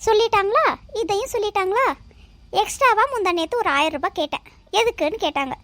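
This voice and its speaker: A woman's voice: very high-pitched, expressive, fast talker, fairly bright tone, no echo, voice pushed up. A woman voicing a young married man in a cartoon, argumentative with his uncle and lecturing his wife. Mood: defensive. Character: young married man, sharp-tongued and defensive.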